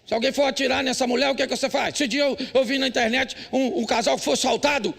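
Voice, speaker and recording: A man's voice: very high voice, fairly even intonation, fast talker, creaky, fairly bright tone. A man with a Brazilian Portuguese accent preaching a humorous sermon in church, telling stories and teasing husbands bluntly. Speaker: pastor. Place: church service.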